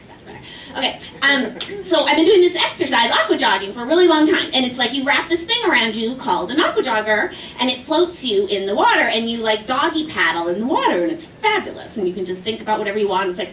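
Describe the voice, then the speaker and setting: A high-pitched woman does a stand-up set, rambling through a story with growing exasperation. She is heard from across an echoey room, a little away from the mic, with faint background ambience. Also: a bit bright, distant mic, slight background noise. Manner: chatty, rambling, exasperated storytelling with quoted voices. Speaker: stand-up comedian. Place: small club or class showcase stage.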